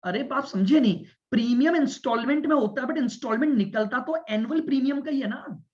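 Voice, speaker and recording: A man's voice: very high-pitched, a little mellow. A man teaching a commerce class, explaining step by step, repeating his points and checking whether the students follow. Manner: speaks deliberately and stresses listening. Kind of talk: classroom lecture. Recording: dull lo-fi lecture recording.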